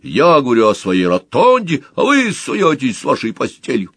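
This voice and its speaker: A man voicing a quarrelsome, sharp-tongued woman baker who snaps back indignantly. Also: mid-range voice, wildly swooping pitch, moderate pace, husky, dry recording, clean studio sound, voice pushed up, heavily acted. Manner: retorting, indignant.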